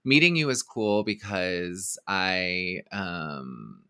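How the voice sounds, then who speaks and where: A man's voice: sits low, expressive, drawn-out words, pushed and bright, smooth, no room sound, studio quality. A man hosting a podcast in casual chat, rambling and often correcting himself. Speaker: podcast host.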